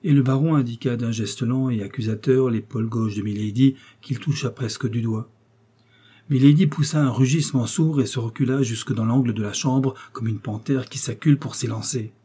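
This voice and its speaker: A man reads a classic novel aloud in a measured, dramatic way. His voice is mellow and slightly husky, with an even middle pitch. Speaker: audiobook narrator. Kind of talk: audiobook narration of a classic novel.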